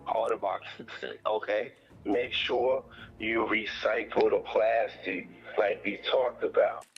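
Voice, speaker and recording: A man's voice: on the low side, steady tone, slow pace, muffled recording, faint music behind. A man giving instructions in a clip that plays over the top.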